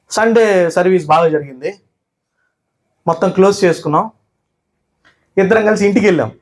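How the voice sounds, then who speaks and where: A male pastor delivering a sermon, loud and emphatic, firing rhetorical questions at the congregation. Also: on the high side. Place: church.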